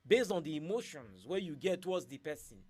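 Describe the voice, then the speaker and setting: A man with a Nigerian accent speaking Nigerian Pidgin, hosting a casual radio chat and telling stories in an animated way, acting out what people said. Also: on the high side, fairly quick, breathy edge. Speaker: radio show host.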